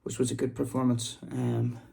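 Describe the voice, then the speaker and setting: Talking into a phone for his boxing vlog, this Belfast man offers loose, chatty commentary to camera in a rambling, informal way. His mid-range voice is warm and monotone, with vocal fry, at normal speed.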